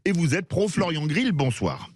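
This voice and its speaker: A man hosting a sports radio talk show, introducing guests and asking questions in a measured way, sometimes correcting himself. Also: fairly high pitch, very animated, husky, no room sound, clean studio sound. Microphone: studio microphone.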